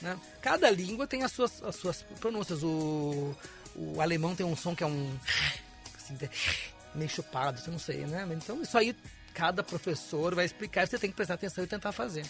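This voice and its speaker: High-pitched guy talking fast on a radio show, teacher explaining stuff, little bit of music under it. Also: vocal fry. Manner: explanatory, demonstrates sounds. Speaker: English teacher, interview guest. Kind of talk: radio interview. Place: radio studio.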